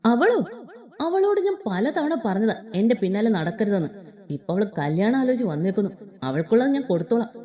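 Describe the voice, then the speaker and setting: A woman voicing a stubborn, hot-headed young son in a Malayalam audio story, speaking forcefully and defiantly. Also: medium pitch, sing-song, fairly quick, lightly acted. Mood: angry.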